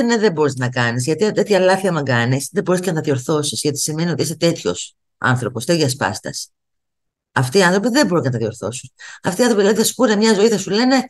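Brief: middle-aged woman, lowish voice, motivational coach, emphatic and direct with viewers. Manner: emphatic, repeats phrases for effect; addresses viewers directly as kids.

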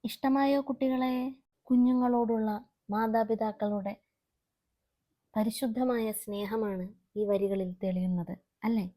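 Woman teacher, mellow low-toned voice, expressive classroom reading. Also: unhurried, pauses often. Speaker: Malayalam teacher. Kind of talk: classroom lesson reading a text aloud.

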